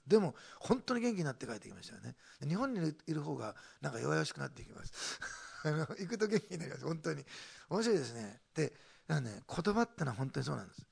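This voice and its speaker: Gravelly, animated male pastor preaching. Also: on the high side. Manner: animated storytelling with emphatic stress and laughs. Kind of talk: sermon.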